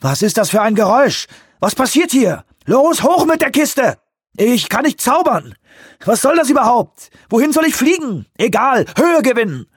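A man reading an audiobook voices a rattled helicopter pilot who curses and shouts back in a husky voice. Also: very high-pitched, big pitch swings, normal speed, no echo, studio quality, pitched above the performer's own voice, full character voice. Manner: rattled, cursing.

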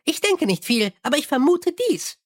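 A squeaky, fussy goblin clerk. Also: male voice, very animated, normal speed, dry recording, studio quality. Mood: pedantic. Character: small eager male goblin clerk, proud and pedantic. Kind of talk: audiobook character voice.

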